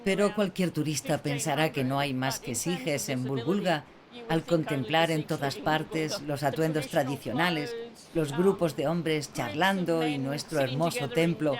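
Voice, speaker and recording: A woman's voice: low voice, a little slow. A woman from Australia answering interview questions about her community, speaking in an earnest, proud way. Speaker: interviewee, local community historian. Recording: crowd chatter behind.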